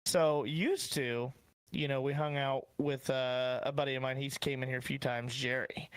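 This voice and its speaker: A man's voice: medium pitch, steady tone, normal speed, smooth, no echo. A man in his thirties with a Midwestern American accent, co-hosting a podcast in rambling, casual chat that swears freely. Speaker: podcast co-host.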